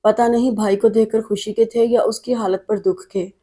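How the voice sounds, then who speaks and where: A woman narrating a novel in a steady, emotive audiobook reading. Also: on the high side.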